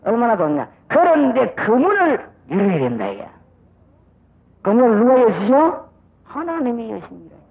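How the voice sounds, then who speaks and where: A man's voice: very high-pitched, huge pitch swings, normal speed, husky. An older man preaching a sermon as pastor, with a Gyeongsang accent and emphatic delivery, acting out little dialogues. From Busan, South Korea. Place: church sanctuary. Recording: dull old audio recording.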